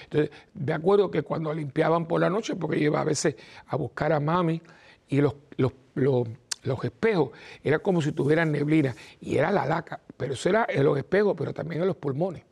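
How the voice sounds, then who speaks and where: A man's voice: a little high, fairly quick, vocal fry, darkish tone, slightly rough. A man, a priest hosting his own program, telling personal family stories in a rambling, chatty way and acting out the dialogue. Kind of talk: casual storytelling talk.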